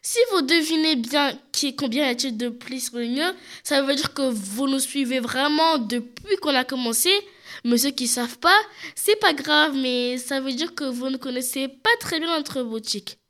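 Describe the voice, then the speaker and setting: High bright-voiced woman host with a cold. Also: normal speed. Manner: addresses viewers directly, describes items in detail. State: stuffy with a cold, coughing. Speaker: show host presenting products. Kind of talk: scripted product presentation.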